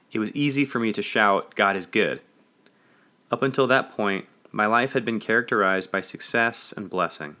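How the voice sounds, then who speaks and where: Middle-aged male memoir narrator, low and bright tone, earnest and reflective. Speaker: audiobook narrator.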